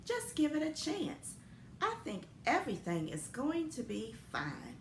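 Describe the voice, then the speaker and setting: A woman voicing a gentle mother who softly reassures her young son in a picture-book story. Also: high-pitched, huge pitch swings, a little slow, a little hiss or hum, voice pushed up, full character voice. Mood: coaxing. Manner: soft, reassuring. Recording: echoey room.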